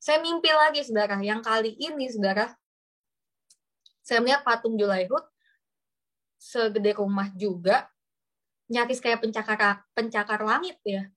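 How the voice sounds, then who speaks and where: A young woman preacher, giving a testimony sermon in an animated storytelling way and often addressing the congregation. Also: on the high side, a little slow, pauses often.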